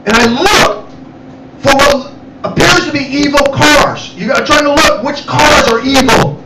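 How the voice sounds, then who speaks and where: A man performing animated stand-up comedy storytelling in a cafe, acting out characters as he goes. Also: very high-pitched, measured pace. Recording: echoey cafe room, distant mic, loud noise.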